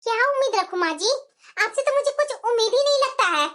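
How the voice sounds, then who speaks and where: Doing cartoon voice acting, a woman plays a young daughter-in-law, hurt yet firm, who pleads earnestly and refuses to back down. Her pitch is extremely high, and her delivery is animated, brisk, and a bit bright.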